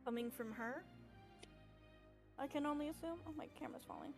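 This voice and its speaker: A woman with a fairly high voice takes part in a tabletop game as a player. She talks casually, as among friends at play. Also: a little fast, creaky, faint music behind.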